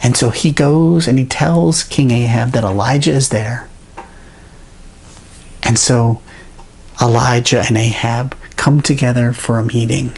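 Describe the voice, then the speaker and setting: A preacher giving a sermon, retelling a Bible story in an animated way with pauses. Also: mid-range voice, vocal fry, breathy edge.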